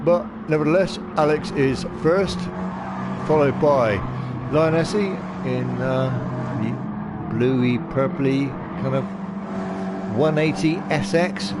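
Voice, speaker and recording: A man giving amateur online racing commentary in a halting, polite and understated way. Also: mid-range voice. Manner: hesitant, halting delivery. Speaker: race commentator. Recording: loud car engine noise behind. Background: racing car engines.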